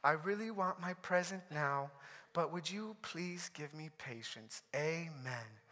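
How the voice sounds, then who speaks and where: A woman's voice: low-pitched, takes it slowly, fairly bright tone, exaggerated voice. Preacher doing his little daughter, whiny tiny girl voice, pleading, churchy echo. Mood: soft pleading. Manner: whining, pleading. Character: whiny three-and-a-half-year-old girl.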